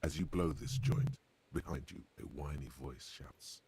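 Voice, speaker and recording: A man's voice: a bass voice, unhurried, creaky, mellow, a little hiss or hum, pitched below the performer's own voice, full character voice. A man voicing a wry, knowing inner skill voice in a video game, lecturing in a narrating tone.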